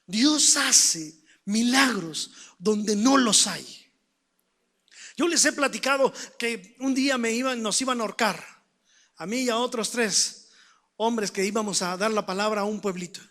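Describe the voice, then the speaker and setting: A man preaching a sermon, telling a story and swinging from hushed to shouted emphasis, slowing down on key phrases. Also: high-pitched. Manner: slows down to stress key phrases.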